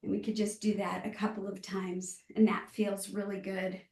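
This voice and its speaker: A fitness class host leads a live online stretching session from an indoor room, casual, gentle and encouraging. Her voice is medium-pitched, level and moderately paced, picked up by a distant camera mic in an echoey room.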